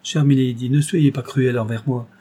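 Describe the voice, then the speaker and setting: Man voicing an anxious innkeeper's wife, humble, pleading, mellow husky tone, audiobook. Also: medium pitch, fairly even intonation, brisk, close to an everyday voice. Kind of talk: audiobook reading.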